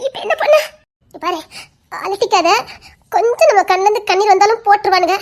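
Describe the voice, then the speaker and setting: A woman with a very high voice performs a whole family drama alone. She shifts between frightened, pleading and stern characters, and her lines break into laughter and tears. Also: expressive, a little fast. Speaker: storyteller voicing every character. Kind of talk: scripted Tamil family audio drama.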